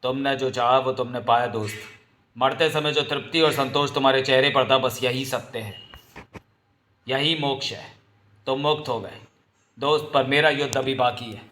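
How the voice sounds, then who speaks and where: A man voicing a grim, merciless vigilante, speaking in low, slow threats. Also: steady tone, fairly bright tone, a little hiss or hum, lightly acted. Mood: solemn. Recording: roomy echo.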